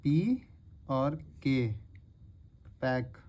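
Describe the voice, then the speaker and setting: A man teaching shorthand step by step, slowly drawing out words to show their sounds. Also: medium pitch, big pitch swings, dark tone. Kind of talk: step-by-step lesson.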